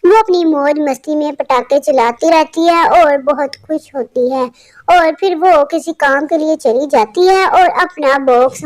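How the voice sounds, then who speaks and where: A high-pitched voice narrates a cartoon story. The delivery is plain and steady, like someone retelling events, with the odd restarted sentence.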